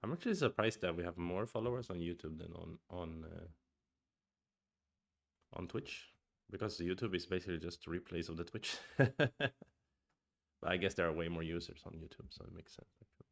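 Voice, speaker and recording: Swedish by first language, this man streams a laid-back review of his own go games, thinking aloud with murmured side comments and restarts. His voice sits low, moves fairly quickly, and has a creaky quality.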